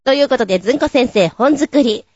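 A woman hosting a radio show, chatting casually and giggling between quick asides while she reads listener messages. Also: high voice, expressive, a little mellow, dry recording. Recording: muffled lo-fi with faint music.

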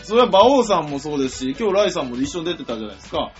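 A man with a husky voice, a comedian co-host, gives wordy, self-justifying explanations in comic banter. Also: fairly high pitch, sing-song, very fast. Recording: dull lo-fi audio with music behind.

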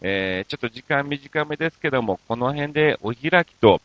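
A man's voice: medium pitch, expressive, normal speed, fairly bright tone, no room sound. Kansai guy doing a radio show, jokey and self-mocking, voice jumps all over, kinda muffled dry mic. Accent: Kansai mixed with standard Tokyo speech. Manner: playful, self-mocking comic banter. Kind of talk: casual radio talk reading listener mail.

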